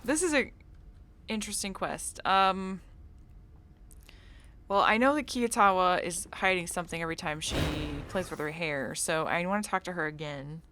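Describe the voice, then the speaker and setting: A woman casually commenting on a game she is playing, thinking out loud and laughing easily. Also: lowish voice, moderate pace, a little hiss or hum. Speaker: video game streamer. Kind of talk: casual let's-play commentary.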